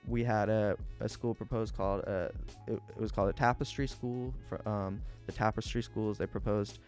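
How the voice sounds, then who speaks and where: A man in his twenties, a school board candidate answering interview questions in an earnest, measured, policy-minded way. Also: fairly low pitch, fairly even intonation, a little mellow, faint music behind. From Atlanta, Georgia. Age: 20s.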